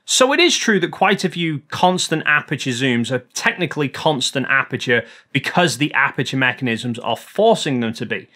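A man hosting a photography video, giving a scripted technical explanation in a clear, explanatory way. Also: medium pitch, lively intonation, moderate pace, hardly any pauses, pushed and bright.

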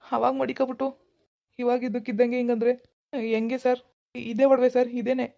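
A woman's voice: a little high, level tone, moderate pace, vocal fry, dark tone, dry recording, studio quality. A woman voicing an anxious village man in a cartoon, pleading and bewildered, addressing the listener as sir. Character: anxious village man pawning his gold. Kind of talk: animated cartoon dialogue.

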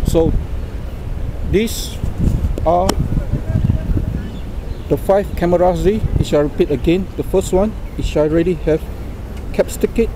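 A middle-aged Singaporean man with a fairly high voice demonstrates products in informal Singlish. His phrasing is halting and deliberate. He is outdoors, with clear traffic noise around him. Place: outdoors by a car park and exhibition centre. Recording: noisy outdoor recording with traffic ambience.

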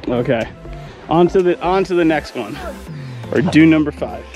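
Man vlogging on the dunes, casual and chatty, slightly high voice with music behind. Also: expressive, normal speed, darkish tone. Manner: laid-back, chatty, says "like" a lot. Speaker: travel vlogger. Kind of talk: casual on-camera vlog chat. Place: outdoors on sand dunes.

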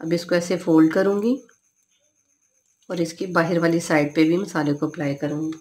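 A woman speaks in a low, steady voice as she guides viewers through a home recipe step by step. She explains things calmly and plainly, without hurry. Faint kitchen sounds and sizzling oil sit behind her. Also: moderate pace, a little hiss or hum. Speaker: cooking channel host. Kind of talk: home cooking instructions.

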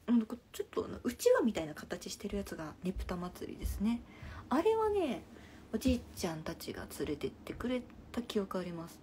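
Young woman, live-stream host. Breathy, husky voice, chatty, with frequent half-whispers. Recorded on a phone. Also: mid-range voice. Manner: chatty, drifts often into soft half-whispers. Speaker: livestream host. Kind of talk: casual live-stream chat answering comments.

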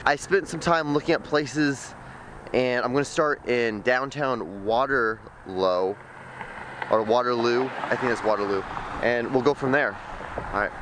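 This young Midwestern vlogger speaks to camera in a mid-range, unhurried voice as he strolls outdoors through city streets near a river, his handheld camera at arm's length. Background noise accompanies his rambling, jokey, self-deprecating narration.

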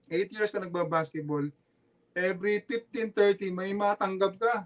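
A middle-aged man with a Filipino accent speaks in a fairly high voice. He tells his story in a casual interview, earnest and halting, and he circles back to repeat his words. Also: steady tone. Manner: earnest, halting, repeats himself, mixes Tagalog and English. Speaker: former pro basketball player, guest. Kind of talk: casual podcast interview, personal testimony.

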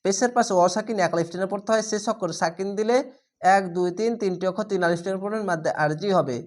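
Instructor for a recitation lesson, mid-pitched, who spells out letters and then drawn-out chants each word. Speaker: Quran reading teacher.

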